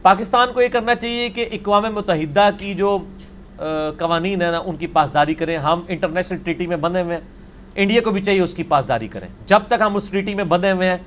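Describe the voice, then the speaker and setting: High-voiced emphatic scholar. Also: male voice, a bit bright, slight background noise. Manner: emphatic, argumentative, quotes others in put-on voices. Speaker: religious scholar answering questions. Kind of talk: seated Q&A discussion.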